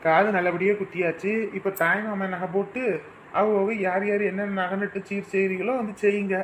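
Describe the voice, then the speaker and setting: A woman playing a brisk ceremony organiser. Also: mid-range voice, flat delivery, slight background noise, close to an everyday voice. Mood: directing. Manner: directing, soothing. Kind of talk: village family drama acting.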